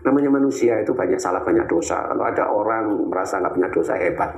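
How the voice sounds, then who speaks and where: Male preacher, lively, teasing, rhetorical; roomy echoey recording. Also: on the low side, fast. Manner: animated, teasing, rhetorical questions. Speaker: Islamic preacher. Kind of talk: religious talk with questions. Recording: echoey room.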